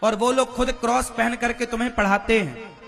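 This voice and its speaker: A man's voice: very high voice, steady tone, moderate pace, gravelly, fairly bright tone, faint music behind. A man preaching a devotional sermon to a live crowd, firing questions at the listeners and demanding answers. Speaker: religious preacher.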